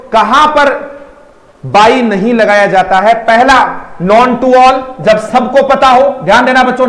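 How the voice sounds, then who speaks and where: High-voiced man teaching in an echoey room. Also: a bit bright. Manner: emphatic, repeats words to drill pronunciation; addresses students fondly and asks checking questions. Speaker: English teacher. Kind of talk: online class lecture.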